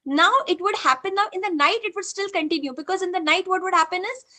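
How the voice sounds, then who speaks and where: Her voice is very high-pitched and quick. Leading a group session on a video call, the Indian-accented facilitator lively narrates a participant's story in a blend of English and Hindi, peppered with "you know."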